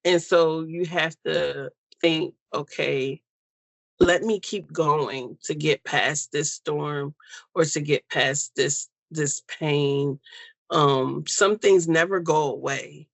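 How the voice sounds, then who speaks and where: An American woman as an interview guest, speaking in a reflective, unhurried way with many pauses and fillers over a video call. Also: deep voice, fairly even intonation, gravelly, dry recording. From United States. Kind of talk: personal story interview.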